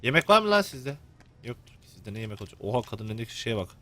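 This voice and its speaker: Racing along with big swings in pitch, this young gameplay commentator has a medium, bright and forceful voice. He jokes and curses at the characters while playing through the game in let's-play style.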